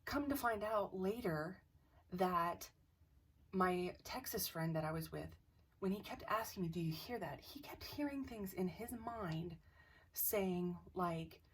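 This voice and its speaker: A woman telling a personal ghost story to camera in a casual, animated way, acting out the dialogue and sometimes dropping to a whisper. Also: lowish voice, measured pace, a little hiss or hum. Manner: animated, acts out quoted dialogue, drops into whispers. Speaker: craft channel host. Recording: voice a bit distant from the mic.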